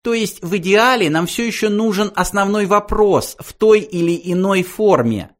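Male reader doing a high, chatty, fed-up mouse, brisk and lively. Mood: insistent.

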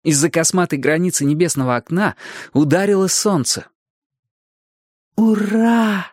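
A man reads a story aloud in a mid-pitched voice whose melody rises and falls a lot. The sound is dry and close, with no room around it. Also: normal speed, dry recording. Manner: expressive, animated reading. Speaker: narrator. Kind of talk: audiobook storytelling.

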